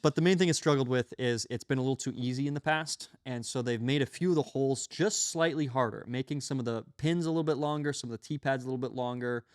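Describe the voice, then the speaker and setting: A man's voice: medium pitch, fast, hardly any pauses, clean tone, dry recording, studio quality. A young man co-hosting a podcast, explaining things in an easygoing, enthusiastic way. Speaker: podcast co-host, disc golf player. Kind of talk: casual chat.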